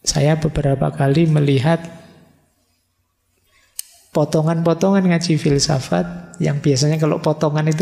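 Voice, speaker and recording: A man's voice: on the high side, gravelly, a little mellow. A middle-aged man giving a casual, teasing philosophy lecture, recorded in a large hall. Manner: casual, teasing, mixes in Javanese words. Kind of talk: live lecture. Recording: lecture hall with long reverb, faint music.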